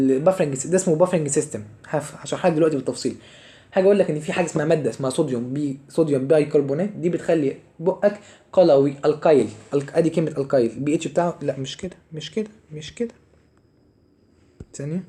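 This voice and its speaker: A man's voice: a little high, warm tone. A young Egyptian man teaching a lesson, chatty, asking and answering his own questions and running short of breath. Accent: Egyptian Arabic. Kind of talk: lecture to students.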